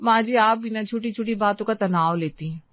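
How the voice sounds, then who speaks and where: A woman's voice: medium pitch, moderate pace, no room sound, close to an everyday voice. A woman voicing a sweet but distracted young wife in a cartoon, chatty and pleading. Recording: dry, slightly dull lo-fi sound.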